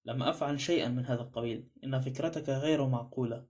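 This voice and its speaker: A prickly, defensive doctor, voiced by a man reading a mystery aloud. His replies are curt and cold, quick in pace, with a dark, mellow tone. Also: mid-range voice, fairly even intonation, natural voice. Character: touchy, cold male doctor.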